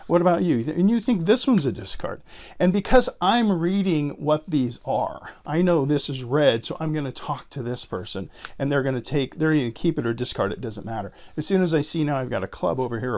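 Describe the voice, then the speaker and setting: A man's voice: mid-range voice, lively intonation, fairly quick, few pauses, a little mellow. Conversational man with card magician patter. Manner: conversational, addresses viewers and imagined spectators directly. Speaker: magician teaching card tricks. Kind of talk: card magician patter and casual tutorial explanation.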